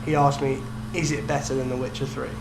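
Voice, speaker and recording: A young man with a medium-pitched, creaky voice talks at a quick pace while co-hosting a podcast about video games in a casual way. Roomy echo and a constant hum and noise are audible.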